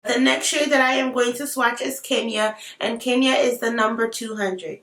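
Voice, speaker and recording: A woman's voice: a little high, fairly even intonation, normal speed, fairly bright tone. Chatty woman with an African accent. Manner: chatty, playful asides while swatching. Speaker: beauty vlogger. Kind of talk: casual makeup tutorial chat. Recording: roomy sound, mic at a distance.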